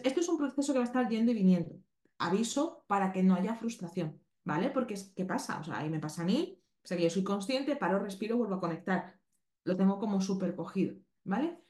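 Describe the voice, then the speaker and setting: A woman's voice: mid-range voice, lively intonation, brisk, a little mellow. A woman with a Spanish accent from Spain, teaching a podcast lesson in an explanatory way and checking in with listeners often. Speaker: animal communication teacher. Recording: roomy echo.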